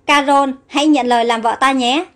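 A brooding, resentful outcast prince in a storybook who nurses old grievances, voiced by a woman reading in her own high voice. His lines come out heavy and bitter. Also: steady tone, moderate pace, fairly bright tone, soft background music. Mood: pleading love.

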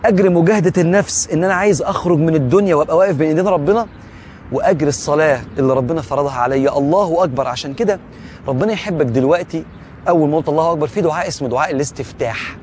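A man's voice: a little high, very fast, darkish tone, a little hiss or hum. A man with an Egyptian accent giving a reflective religious talk, earnest and asking the listener questions directly. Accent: Egyptian Arabic. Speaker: Islamic preacher.

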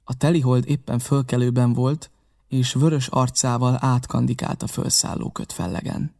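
A male audiobook narrator with a gravelly, creaky texture to a mid-pitched voice. He tells the story at a steady, measured pace. His reading sounds scripted and composed. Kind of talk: scripted first-person narration.

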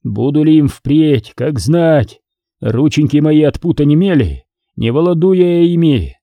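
A man's voice: on the high side, lively intonation, a little slow, no room sound, highs cut off. A man voicing an exhausted, wounded goldsmith who pleads and moans. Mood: pleading. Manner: moaning, pleading.

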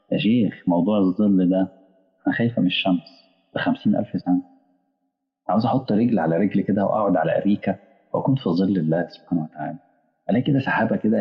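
A man's voice: deep voice, vocal fry, big-room sound, dull audio. A man with an Egyptian accent preaching a colloquial sermon, acting out back-and-forth dialogues with imagined listeners. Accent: Egyptian Arabic.

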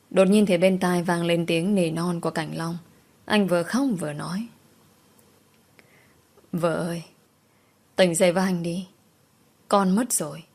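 A woman narrates a first-person audiobook story in a mournful, emotional voice. Her pitch sits on the lower side for a woman, and she carries the grief through every sentence. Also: a little mellow.

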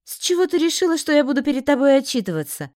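A fierce young sorceress, as a woman narrator puts her on, cold and mocking, her voice raised high and sharp. She talks down to whoever faces her. The read is close and dry, as in a storybook. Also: sing-song, fast talker, no room sound. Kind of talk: audiobook character voice.

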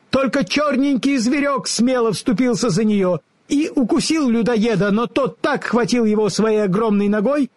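A man's voice: very high-pitched, darkish tone, no room sound, clean studio sound, pitched above the performer's own voice. A man voicing a small forest squirrel in a storybook reading, chattering and scornful in a teasing manner.

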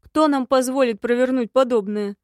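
A woman's voice: high voice, normal speed, a little mellow, no room sound, clean studio sound, natural voice. A woman voicing a grumbling, sighing male imp who keeps an inn, reading an audiobook. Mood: worried. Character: grumbling male imp innkeeper, long-eared, gloomy.

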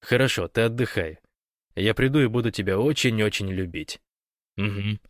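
A man voicing a wry young man who talks warmly and gently. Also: lowish voice, normal speed, no echo, studio quality, close to an everyday voice. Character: young man, wry, tender with his wife.

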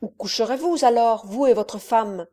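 Give me a woman playing a proud curious count, eager and emphatic, with a mellow tone. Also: fairly high pitch, normal speed, lightly acted. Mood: bold, curious. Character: young nobleman, bold, curious, proud. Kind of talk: audiobook character reading.

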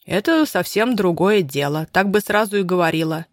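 A narrator voicing a gruff older man, a driver who grumbles loudly. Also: medium pitch, animated, moderate pace, dry recording, studio quality, natural voice. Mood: grumbling.

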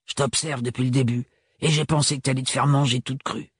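A man reading an audiobook voices a brash young woman mechanic who talks gruff and slangy, in a husky voice. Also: medium pitch, fairly even intonation, fairly quick, no room sound, studio quality. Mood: earnest.

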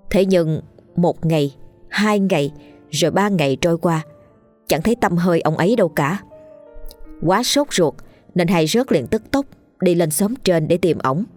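A woman narrating a scripted ghost story with steady, dramatic storytelling. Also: lowish voice.

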